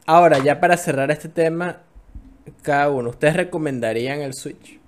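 Casting: young Venezuelan host, slightly high voice, moves the chat along. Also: male voice, moderate pace, slight background noise. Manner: steering the talk, wrapping up topics. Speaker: podcast host. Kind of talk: casual chat.

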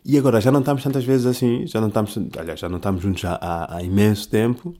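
Mellow-voiced rambling man. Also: lowish voice, rapid-fire. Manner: rambling, slangy, self-correcting. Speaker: podcast host. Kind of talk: casual monologue.

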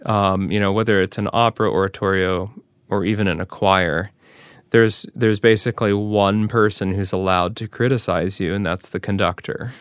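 In clean studio sound with no room noise, a professional singer from the Cleveland area, in the United States, gives direct, earnest explanations as an interview guest. He has a fairly low, clear, resonant voice, keeps his intonation fairly even, and talks at a moderate pace.

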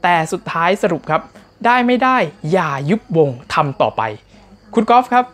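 A man's voice: high voice, big pitch swings, moderate pace, fairly bright tone. Chatty man recapping a show. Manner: chatty, talks straight to viewers, polite particles throughout. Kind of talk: casual recap narration.

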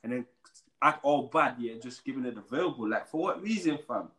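A man's voice: mid-range voice, expressive, fairly quick, pushed and bright. A young man with a British urban London roadman accent, telling stories casually in heavy street slang. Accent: British urban slang, London roadman style. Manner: slangy storytelling, punctuated with bro and fam. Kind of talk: casual group chat.

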